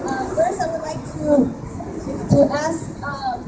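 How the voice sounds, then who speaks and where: A woman who organizes a rally, opening a press conference outdoors and talking in a hesitant way, with many pauses and fillers. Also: sits high, steady tone. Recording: distant echoey outdoor recording with crowd and loud noise.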